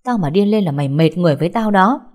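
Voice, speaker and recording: A woman voicing a harsh, threatening young man who shouts at his ex-wife in a story. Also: on the low side, lively intonation, fast talker. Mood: angry. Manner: harsh and bullying. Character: angry, threatening young ex-husband.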